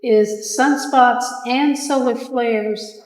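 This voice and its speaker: A woman museum guide explaining to visitors, soft-spoken and unhurried, her voice a bit worn. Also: on the high side, fairly even intonation, roomy sound, in a large hall, poor audio. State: losing her voice. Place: museum observatory room.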